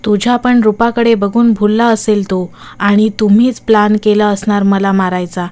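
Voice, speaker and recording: A woman's voice: medium pitch, level tone, normal speed, a little mellow, close to an everyday voice. A woman voicing a vengeful, half-burnt female ghost who taunts and scolds her victim in a horror audiobook. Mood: spiteful taunting.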